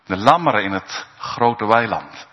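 A man delivers a sermon at a slow, deliberate pace, pausing between phrases and lifting his voice on key words. His voice carries with a long reverb through a church. The recording sounds dull and lo-fi. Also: on the low side, lively intonation. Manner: slow, emphatic preaching with pauses and rising calls. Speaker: preacher.

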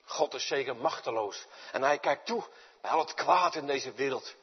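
A man preaching a sermon in speech, swinging dramatically from loud to near-whispered. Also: medium pitch, moderate pace, husky. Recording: dull sound with long reverb in a large hall.

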